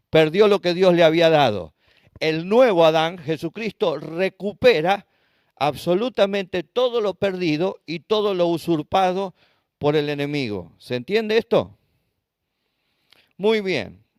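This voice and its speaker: A man's voice: high-pitched, smooth, dry recording, studio quality. A man with an Argentine accent leading a Bible study class in a church, asking the class questions and spelling out Hebrew words. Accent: Argentine Spanish. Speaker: Bible teacher.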